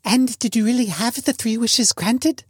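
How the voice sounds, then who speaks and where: Man putting on a high-voiced teasing housewife. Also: normal speed, slightly rough, no echo, studio quality, heavily acted. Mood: curious. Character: teasing, inquisitive middle-aged wife and mother.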